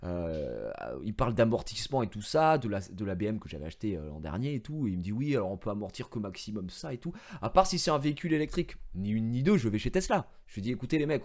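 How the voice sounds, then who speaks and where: Man in his thirties, streamer, casual animated storytelling to viewers, pitch jumping all over, headset mic at home. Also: fast talker, few pauses. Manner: animated storytelling, swears freely, mocks others in raised voice. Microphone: gaming headset.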